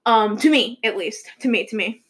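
A woman's voice: on the high side, normal speed, a bit bright. Chatty young woman, rambling host. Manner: rambling, many fillers and restarts. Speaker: show host. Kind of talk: casual movie news chat.

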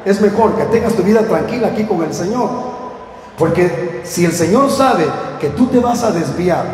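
A man's voice: high voice, animated, moderate pace, darkish tone, slight background noise. A man preaching an impassioned sermon, rising and dropping in intensity. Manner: impassioned, fervent preaching with sudden rises and drops. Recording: echoey hall, voice from far off.

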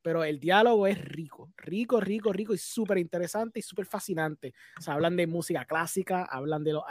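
Fast-talking man speaking Spanglish. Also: fairly high pitch, no room sound. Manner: Spanglish, mixing English words into Spanish. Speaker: host of a film discussion. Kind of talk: casual chat, film commentary.

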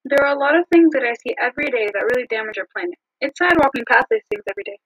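A woman co-hosting a podcast in a casual, scripted chat with frequent ums, recorded over a low-quality phone line. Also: lively intonation, racing, fairly bright tone, husky, no echo. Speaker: podcast co-host. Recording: muffled dry phone-line audio.

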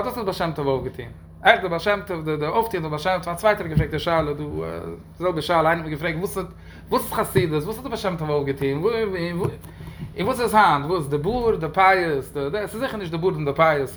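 A man with a somewhat high voice leads a question-and-answer religious lesson as a rabbi. He reads each listener's question aloud, then explains the answer at length, moving between English and Yiddish phrases. A faint background hiss sits under his voice. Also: fairly bright tone.

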